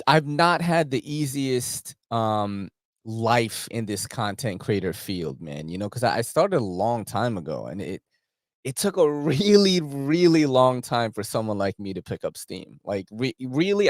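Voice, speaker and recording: A man's voice: mid-range voice, dry recording, clean studio sound. A man, hosting a casual, rambling knife-channel chat full of slang. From New York City. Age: 40s. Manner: rambling, laughing, slangy with frequent filler.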